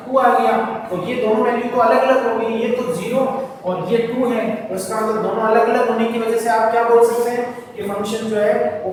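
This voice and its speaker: A man teaching a maths lesson online, often asking students if they understand. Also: high voice. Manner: repetitive, keeps checking understanding. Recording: echoey room, distant mic, noisy.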